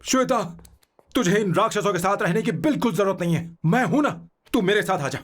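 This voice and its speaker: A man dubbing an earnest young man who defends his girlfriend against his family, with a husky voice. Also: high-pitched, animated, brisk. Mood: indignant. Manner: pleading and indignant. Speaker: film hero, dubbed. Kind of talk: Hindi film dubbing.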